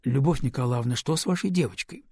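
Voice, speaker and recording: A husky-voiced man voicing a concerned female kindergarten teacher, speaking higher and louder with urgency, in an audiobook. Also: fast talker, no room sound, studio quality.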